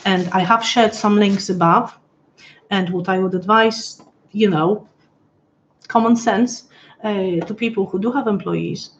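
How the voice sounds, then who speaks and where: Recorded with the high frequencies cut off, a woman with a mid-range voice talks at a measured pace during a live webinar. She's at home, a pet nearby, casually guiding viewers through things while hesitating and restarting frequently, her voice fraying a bit as she loses it.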